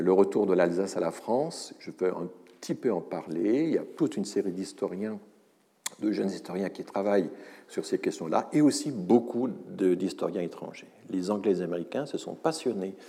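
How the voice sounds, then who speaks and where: A man's voice: sits low, mellow, long reverb tail. A man giving a university lecture, hesitant, with many fillers, restarts and wry asides. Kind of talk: academic lecture.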